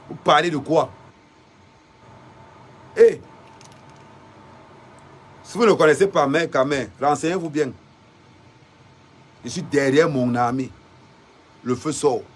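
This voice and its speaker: Woman, husky voice, fiery defiant rant, repeated rhetorical questions. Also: sits low. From Cameroon. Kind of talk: impassioned political rant to viewers.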